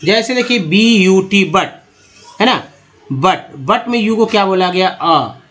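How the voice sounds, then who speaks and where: A man's voice: high-pitched, expressive, slow, fairly bright tone, soft background music. A man giving an English pronunciation lesson in Hindi, explaining patiently and often restarting or repeating himself as he addresses viewers as friends. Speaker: English teacher.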